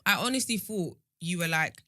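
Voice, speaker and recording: A woman's voice: fairly low pitch, lively intonation, normal speed, sharp tone, no echo, studio quality. A woman co-hosting a podcast, chatting casually and emphatically. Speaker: podcast co-host. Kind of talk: casual chat.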